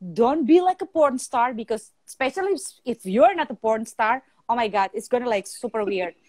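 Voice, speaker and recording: A woman hosting a casual live-stream chat as a sex therapist, switching between Indonesian and English, laughing often and slowing down to demonstrate, talking on a phone from home. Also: fairly high pitch, lively intonation, a little mellow, dry recording. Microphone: phone or video call.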